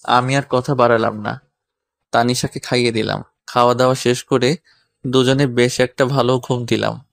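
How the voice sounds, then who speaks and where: A man narrating a romantic audio story in the first person, with plain, even storytelling and casual banter. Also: medium pitch, normal speed, creaky, no echo. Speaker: narrator and lead voice actor.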